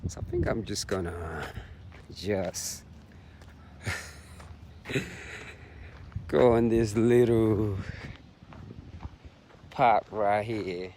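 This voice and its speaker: A soft-spoken man with a fairly low voice vlogs while out jogging on a park trail, reflecting casually and pausing often as he muses. He is a long-distance runner filming himself on a handheld camera, and the outdoor audio picks up noticeable background noise.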